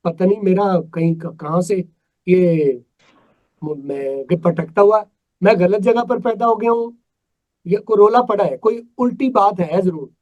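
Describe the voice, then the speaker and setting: A man's voice: high voice, measured pace, a little mellow, dull audio. A man from Pakistan teaching an English class over a video call, emphatic and quizzing his students. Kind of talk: live online class.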